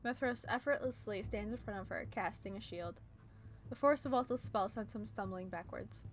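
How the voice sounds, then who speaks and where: A woman's voice: mid-range voice, moderate pace, soft background music. A woman reading a visual novel as its narrator, mixing dramatic storytelling with casual commentary.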